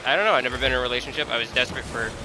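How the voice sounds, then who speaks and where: A man's voice: mid-range voice, very fast, background noise. A man of twenty-one talking casually and candidly while gaming, hesitant and self-deprecating as he searches for words. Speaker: gaming content creator. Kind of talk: casual, confiding talk over gameplay.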